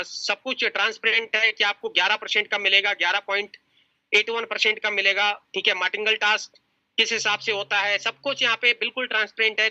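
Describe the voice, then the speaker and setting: A man's voice: high voice, sharp tone, no room sound, lo-fi sound. A man presenting an investment plan in a screen-share review, persuasive and salesy, often calling his viewers sir and friends.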